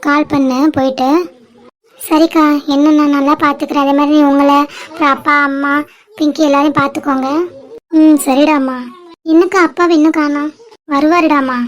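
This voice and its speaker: A young woman with a very high voice speaks in a level, narrow tone. She plays family members in a tender, emotional homemade audio drama. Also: little pitch movement, fairly quick, pauses often. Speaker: creator voicing family characters.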